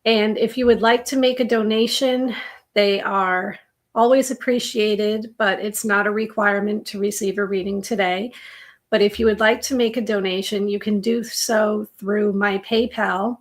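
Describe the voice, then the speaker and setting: A woman's voice: mid-range voice, steady tone, moderate pace. A woman tarot reader talking casually on a live stream, with her voice slightly giving out.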